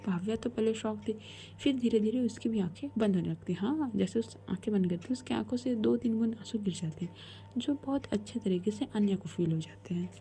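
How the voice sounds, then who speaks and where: A woman's voice: medium pitch, mellow. A woman storyteller telling a romance in a casual, chatty way as a whispered role-play, voicing both heroines' lines herself.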